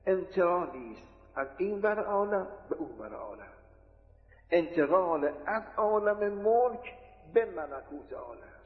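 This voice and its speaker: A man delivers a religious lecture in a fairly high voice, working through his points with rhetorical questions and homely examples. The sound is tinny and thin, as if from an old lo-fi tape, and his words ring out with a long echo through a large hall. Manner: explanatory, poses rhetorical questions and gives examples. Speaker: preacher. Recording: tinny lo-fi recording in an echoey hall.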